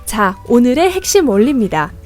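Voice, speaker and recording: A woman's voice: a little high, sing-song, a little fast, darkish tone, soft background music. Friendly woman guiding a study lesson. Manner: friendly, encouraging, addresses viewers as students. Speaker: lesson guide. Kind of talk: scripted instructional narration.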